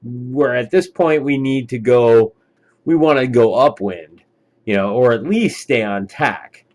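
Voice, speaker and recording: A man kiteboarding instructor giving easygoing, encouraging commentary over lesson footage, pausing often with fillers. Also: medium pitch, darkish tone.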